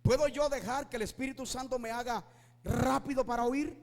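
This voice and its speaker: A male pastor preaching with fervor, shouting at his peaks and asking his listeners rhetorical questions. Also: very high-pitched, steady tone, a little fast, long reverb tail. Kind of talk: preaching sermon.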